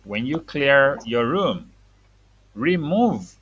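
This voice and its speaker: A woman's voice: very deep voice, sing-song, a little slow, dull audio, slight background noise. A woman teaching reading to a young child, saying words for the child to repeat and explaining them simply.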